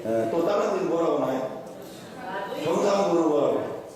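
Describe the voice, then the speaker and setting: A male pastor with a fairly high voice preaches in a big hall, caught from a distance by the mic. He is playful and keeps calling questions out to the congregation. Faint noise and long reverb hang behind him. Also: animated, moderate pace, a crowd in the background. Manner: playful, often quizzes the congregation. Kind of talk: sermon at a conference. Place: large church hall. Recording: echoey hall from far off.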